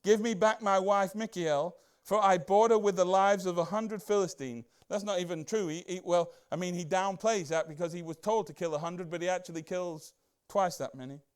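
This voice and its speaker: A man preaching a casual Bible-study sermon as a church pastor, chatty and excitable, full of rhetorical questions and asides. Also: high voice, moderate pace, hardly any pauses, smooth.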